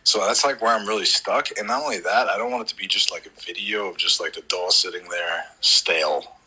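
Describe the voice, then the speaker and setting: A man's voice: low voice, steady tone, a little fast, bright, forceful tone, slightly rough, rough recording. A man, a guitarist, talking in a loose, rambling way in a casual group voice chat, full of "like" fillers. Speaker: musician guest.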